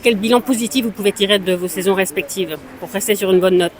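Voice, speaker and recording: A woman interviewer asking quick, friendly questions. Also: mid-range voice. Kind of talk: sports interview. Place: outdoors at a stadium. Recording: crowd noise outdoors.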